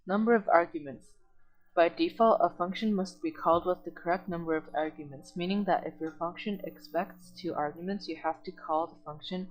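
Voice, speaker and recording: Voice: medium pitch, a little fast, highs cut off. A tutor in an online coding lesson who reads documentation aloud and then explains it plainly, step by step.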